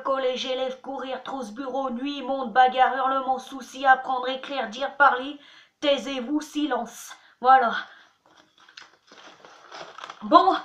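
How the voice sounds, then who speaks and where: A woman's voice: high voice, bright, forceful tone. A young woman in a casual vlog, chatty and playful, teaching words and poking fun at herself. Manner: chatty, playful, self-mocking. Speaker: vlogger. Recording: echoey room, mic at a distance.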